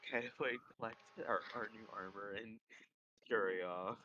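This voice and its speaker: A man's voice: fairly low pitch, steady tone, slow, sharp tone, slight background noise. A man playing a tabletop role-playing game, asking unsure questions and laughing between lines. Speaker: player. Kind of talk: tabletop role-play, in and out of character. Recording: lo-fi online call audio.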